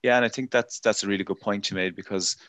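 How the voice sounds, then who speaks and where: A man's voice: on the low side, steady tone, fast talker, fairly bright tone, no room sound. A man with an Irish accent, interviewing in a conversational way and working round to his questions somewhat tentatively. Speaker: interviewer, farm environmental adviser.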